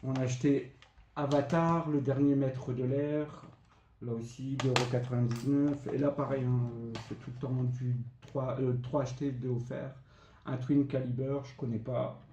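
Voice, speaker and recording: A man with a mid-range, darkish voice speaks at normal speed in a steady tone, the highs cut off. He's a retro game vlogger casually listing the games he bought and their prices, packed with fillers. Echo and faint background noise mark the room.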